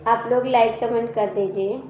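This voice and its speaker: A woman's voice: a little high, steady tone, normal speed, darkish tone, highs cut off. A woman with an Awadhi accent hosting a casual live stream, chatting with viewers, teasing them and reading out their comments. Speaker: live-stream host and folk singer. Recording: echoey room with faint background noise.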